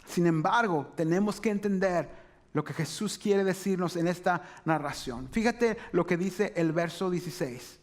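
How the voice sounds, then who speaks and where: High-voiced pastor preaching. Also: male voice, normal speed. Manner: conversational preaching, frequent "¿verdad?" tags. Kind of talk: sermon.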